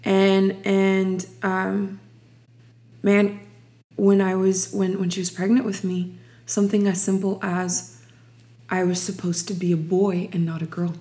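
Slow, reflective young woman from Ukraine. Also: medium pitch, flat delivery, warm tone. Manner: slow, reflective, many restarts. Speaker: guest sharing testimony. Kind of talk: personal testimony interview.

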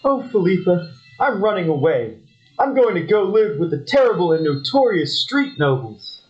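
A man's voice: high voice, big pitch swings, moderate pace, lo-fi sound, faint music behind. A man voicing a naive, lovesick young brother in a parody soap opera, whiny and melodramatic.

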